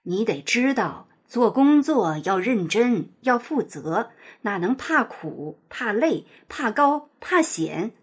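A woman voicing a proud, earnest old male rooster in a children's storybook, speaking in a steady, lecturing way. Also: on the high side, takes it slowly, hardly any pauses, slightly rough, heavily acted.

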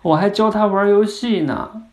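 A man's voice: sits high, moderate pace, a little mellow, pitched above the performer's own voice, natural voice. A man voicing an upset little girl of four or five, speaking in an insistent, pleading way. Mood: wistful.

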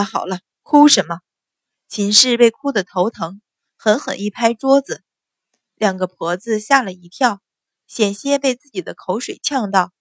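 A woman reads a novel aloud in a steady, even storytelling voice. Her pitch sits in the middle range for a woman. The recording is dry and close, with no room echo. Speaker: audiobook narrator. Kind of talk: scripted narration of a novel.

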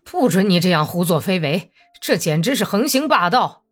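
A woman voicing a smooth-talking male Cossack commander who coaxes and persuades. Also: lowish voice, sing-song, moderate pace, faint music behind. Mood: coaxing. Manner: cajoling, persuasive.

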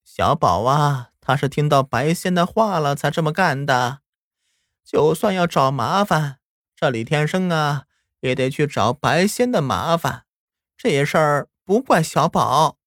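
A man voicing a stubborn old village grandmother who speaks slowly and firmly. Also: a little high, lively intonation, a bit bright, dry recording, clean studio sound, pitched above the performer's own voice. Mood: stern. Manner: slow, drawn-out and firm.

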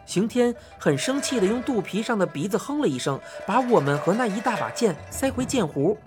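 A woman narrating a children's fantasy story as an audiobook, expressive and rising to cries in excited passages. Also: mid-range voice, brisk, music in the background.

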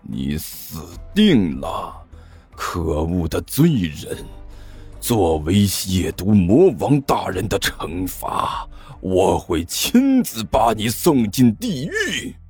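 A man's voice: sing-song, darkish tone, breathy edge, soft background music, heavily acted. A man doing a wailing boy who claims he is a demon king. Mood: menacing. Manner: sobbing high wail, then slow low threats. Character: boy calling himself a demon king, wailing then menacing.

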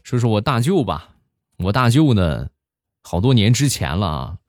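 A man telling funny personal anecdotes in a casual, animated way, full of chatty fillers. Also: fairly low pitch, normal speed. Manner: animated, colloquial northern-style banter with many 啊 fillers. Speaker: comedic storyteller. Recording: dry close mic with faint background music.

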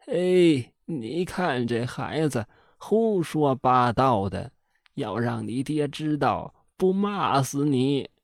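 A man voicing an old mother with a drawn-out, nagging voice. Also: mid-range voice, big pitch swings, no echo, studio quality. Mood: scolding. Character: old mother, scolding and grieving.

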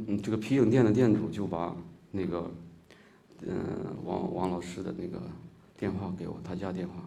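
Low-voiced man from Shaanxi, hesitant storyteller. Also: gravelly, mellow. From Shaanxi, China. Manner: hesitant, many filler sounds. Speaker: musician giving a stage talk. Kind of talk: personal storytelling talk. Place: stage at a talk event.

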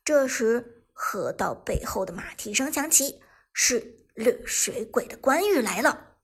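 A woman narrating a web novel audiobook with brisk, dramatic action telling. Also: on the high side, animated, husky.

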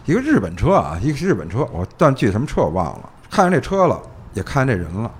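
A man's voice: mid-range voice, wildly swooping pitch, quick pace, slightly rough. A man with a Beijing accent telling stories casually, repeating phrases and tossing in rhetorical questions. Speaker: police officer guest telling case stories. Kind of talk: casual anecdotal storytelling.

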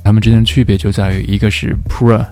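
A man teaching English pronunciation, patiently explaining each point step by step and sounding words out slowly. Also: on the low side, little pitch movement, darkish tone, faint music behind. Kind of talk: explanatory lesson.

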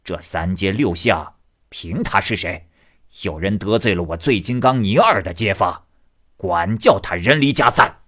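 A man voicing a loud, gruff, swaggering drunken moneylender in a storytelling reading. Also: low voice, lively intonation, measured pace, heavily acted. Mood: boastful. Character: drunken brawling male street moneylender, boastful.

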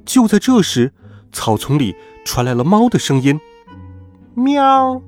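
A man narrating a bedtime story for children with a lively, expressive reading. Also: mid-range voice, normal speed, soft background music.

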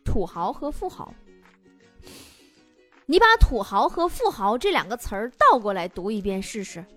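A woman hosting a comedic talk show, reading listener messages and teasing back with quick punchlines. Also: mid-range voice, big pitch swings. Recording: studio recording with loud background music.

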